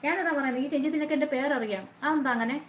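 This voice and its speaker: A woman's voice: high voice, racing. Woman chatting on a live stream, roomy echo, bit of hiss, greets everyone by name. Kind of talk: casual live chat with viewers. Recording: roomy echo, faint noise.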